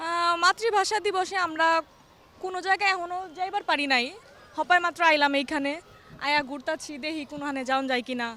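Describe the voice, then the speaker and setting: A woman speaks in a casual street interview outdoors. Her voice is very high and bright, sharp at the edges, and she talks loosely and colloquially. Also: steady tone, a little fast, a little hiss or hum.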